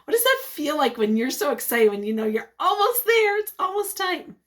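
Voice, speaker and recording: Taking the role of a teacher, a high-pitched woman reads aloud from a picture book. She is expressive and encouraging, stopping now and then to put questions to the children listening.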